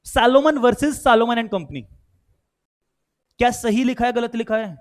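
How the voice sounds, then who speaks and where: A man's voice: extremely high pitch, unhurried. A man with an Indian accent teaching a law class, quizzing students and mixing Hindi with English. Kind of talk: online class lecture.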